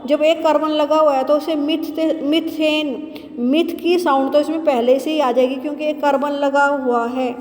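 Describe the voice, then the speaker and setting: A woman teacher giving a chemistry lesson, asking questions and answering them herself, repeating key terms slowly. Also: sits high, steady tone, a little mellow. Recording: roomy echo with long reverb.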